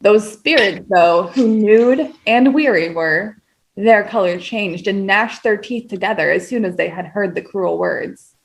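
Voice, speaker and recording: A woman's voice: medium pitch, unhurried. A woman hosting a casual podcast, retelling an old poem in slangy paraphrase and reading passages aloud. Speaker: podcast host.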